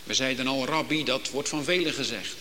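A man preaching a sermon to his congregation, solemn and emphatic, building to loud declamatory climaxes. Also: mid-range voice, fairly quick. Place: church. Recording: long reverb in a church hall, faint background noise.

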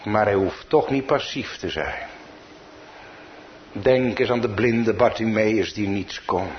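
Slow, measured Dutch preacher with a dull sound. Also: male voice, on the low side, a little hiss or hum. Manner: preaching with rising, emphatic peaks. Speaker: pastor. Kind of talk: sermon.

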